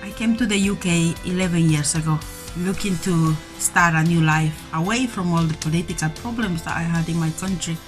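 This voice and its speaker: A woman from Bolivia giving a plain, steady personal testimony. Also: on the low side, fairly quick, faint music behind.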